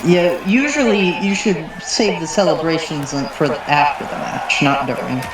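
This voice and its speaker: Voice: medium pitch, normal speed. A wrestling commentator following the match in a conversational way. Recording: very echoey room, noisy ambience.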